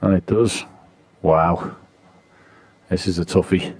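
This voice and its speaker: A man commentates on snooker in a low, hushed voice with a gravelly creak. He speaks in measured, understated short phrases, very close and dry. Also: fairly even intonation, dry recording.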